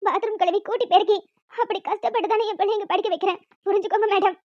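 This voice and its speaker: A woman voices a desperate, poor mother who cleans at a school in a cartoon, pleading and then scolding shrilly. Her very high voice is steady, racing, and a little mellow, in a dull, lo-fi, dry recording.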